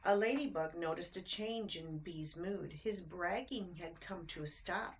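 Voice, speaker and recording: A woman reads a rhyming picture book to children with lots of expression, breaking off for chatty explanations and easy questions for her listeners. Her voice sits fairly low and her pace is measured. The audio is poor, with a little hiss or hum.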